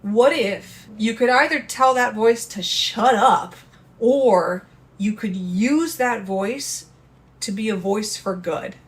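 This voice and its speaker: A woman's voice: fairly high pitch, slow pace. A woman hosting a lifestyle channel, talking earnestly and conversationally about handling stress and speaking straight to her viewers. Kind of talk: casual advice talk to camera.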